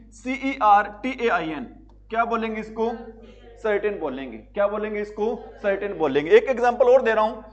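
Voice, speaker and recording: A man's voice: sits high, highs cut off. A man teaching an exam-prep vocabulary lesson, repeating each question and answering it himself. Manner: repetitive, quizzing students with call-and-answer questions.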